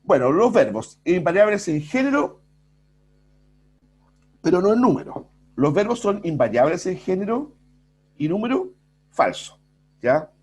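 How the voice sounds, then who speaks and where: Middle-aged guy teaching grammar, husky voice, goes up and down a lot, keeps checking with the class. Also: sits high, very animated, unhurried, pauses often, darkish tone. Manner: explains with many rhetorical checks and self-corrections. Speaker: school language teacher. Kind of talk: recorded virtual class lecture.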